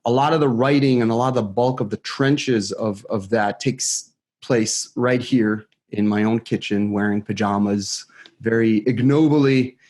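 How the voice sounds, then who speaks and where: A man's voice: lowish voice, fairly even intonation, measured pace, a little mellow. Hesitant Israeli-raised man in a kitchen. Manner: hesitant, many fillers and restarts. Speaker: guest security expert. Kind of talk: casual interview talk. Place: home kitchen. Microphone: studio microphone.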